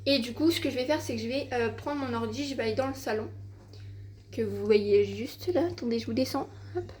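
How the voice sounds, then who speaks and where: A woman's voice: on the high side, brisk, a little mellow. A teenage girl vlogging at home into her handheld phone, rambling with lots of fillers and casual swearing. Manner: rambling, filler-heavy, swearing, exasperated storytelling. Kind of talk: casual vlog chat to camera.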